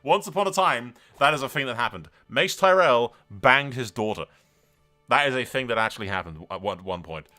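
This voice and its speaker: With faint music in the background, a man talks through a strategy game in a medium-pitched, expressive voice at a moderate pace, sounding bright and forceful. The streamer role-plays the story as he goes, swearing freely and keeping it casual and jokey.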